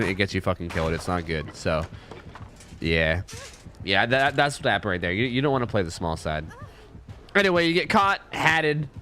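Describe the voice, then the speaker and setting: Fairly low in pitch yet bright and forceful, this young man reviews gameplay while nursing a cold. His casual commentary is sniffly and profane, rambling along with frequent restarts.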